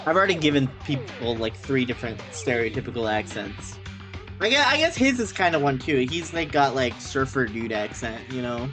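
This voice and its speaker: A man's voice: mid-range voice, sing-song, moderate pace. A man reading a visual novel game aloud as dramatic narration, with casual asides. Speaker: amateur voice reader of a visual novel. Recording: music behind the voice.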